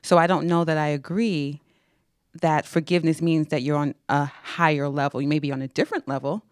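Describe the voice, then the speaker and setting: Audience commenter, smooth clear voice, measured n careful, dry sound. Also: mid-range voice, steady tone, no room sound. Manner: measured, deliberate, careful wording. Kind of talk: considered spoken comment.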